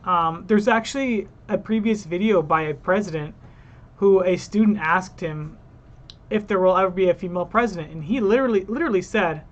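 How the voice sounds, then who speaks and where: A man's voice: high voice, fairly quick, dull audio. A man hosting a reaction video, ranting heatedly and talking straight to his viewers. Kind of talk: casual reaction commentary.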